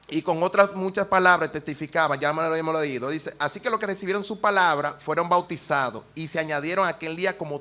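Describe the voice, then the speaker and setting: A man's voice: on the high side, pushed and bright. A man preaching a sermon in a church with a Dominican accent, earnest and folksy, weaving in personal stories. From Dominican Republic.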